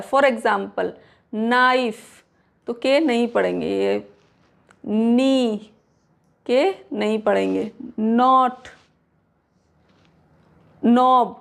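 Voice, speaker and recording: Slow, gravelly woman teaching. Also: on the high side. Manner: slow, drawn-out English rule reading with repeated examples. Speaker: English teacher. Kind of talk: Hindi-English pronunciation lesson.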